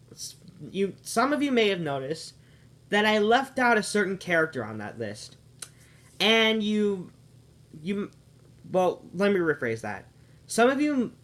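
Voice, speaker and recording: A man with a high voice talks through a casual review of a cartoon. He rambles and keeps stopping mid-sentence to correct himself. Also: fairly bright tone. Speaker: video reviewer.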